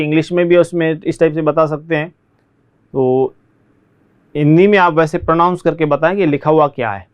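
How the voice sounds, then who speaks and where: An Indian man with a Rajasthani Hindi accent, teaching an online spoken English lesson. He drills each word slowly and repeats it, then explains it in Hindi, and tells his students to write their answers quickly. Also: a little high, clear, resonant tone, dull audio.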